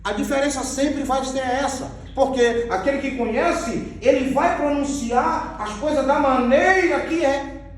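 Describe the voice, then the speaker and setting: High-voiced preacher in a very echoey hall. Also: male voice, unhurried, slight background noise. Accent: Brazilian Portuguese. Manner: emphatic, repeats phrases, points at a drawn diagram. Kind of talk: sermon teaching with Bible readings. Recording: very echoey, far from the mic.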